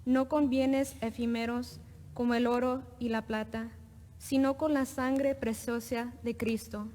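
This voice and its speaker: A woman with a slightly high voice reads at Mass. She is slow and formal, leaving pauses between solemn phrases. Long cathedral echo surrounds her, over faint background noise. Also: flat delivery, dark tone. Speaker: lector reading the epistle at Mass. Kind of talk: solemn scripture reading.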